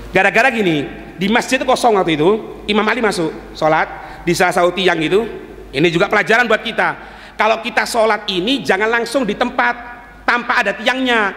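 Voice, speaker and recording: High, lively preacher. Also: male voice. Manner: animated storytelling, mixing in Javanese phrases. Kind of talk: Islamic sermon. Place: mosque. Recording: long hall reverb.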